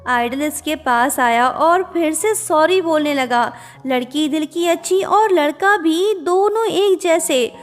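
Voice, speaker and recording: A woman's voice: sits high, slow pace, hardly any pauses. A woman narrating a drama recap in a casual, conversational storytelling way, dropping English words into her sentences. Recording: reverberant with background music.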